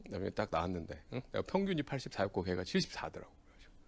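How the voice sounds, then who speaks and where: A man's voice: deep voice, rapid-fire, gravelly. A man lecturing exam-prep students, telling personal stories in a blunt, teasing way and tagging his sentences with a questioning "eh?". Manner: acts out quoted dialogue in lively voices.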